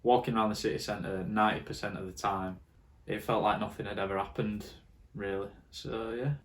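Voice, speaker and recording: A man's voice: lowish voice, fairly even intonation, a little fast. A young man, casually talking over travel footage and recounting stories with a friend. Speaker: vlog co-host. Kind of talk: casual travel vlog commentary.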